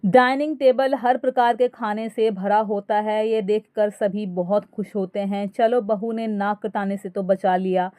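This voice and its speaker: A woman narrating a moral family story in a steady storytelling manner. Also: mid-range voice, measured pace, hardly any pauses, no room sound.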